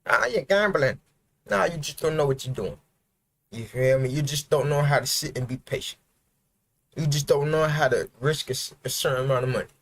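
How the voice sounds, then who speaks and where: A man's voice: medium pitch, fairly quick. A man hosting a livestream, giving a blunt, profane motivational rant about self-investment and working for himself.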